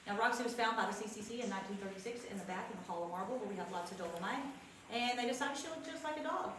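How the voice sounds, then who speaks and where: A woman's voice: medium pitch, expressive, very fast, fairly bright tone. A woman guiding a group through a cave in a folksy, questioning way, her voice echoing off the rock. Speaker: cave tour guide. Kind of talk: guided tour talk to a group. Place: inside a cave. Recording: echoing cave, distant mic, clear noise.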